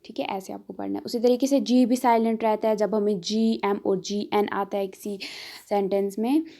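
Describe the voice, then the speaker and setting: Woman tutor, mellow warm voice, patient, says example words slow and again. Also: medium pitch, fairly even intonation. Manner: explains patiently, repeats example words slowly. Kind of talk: exam-prep lesson.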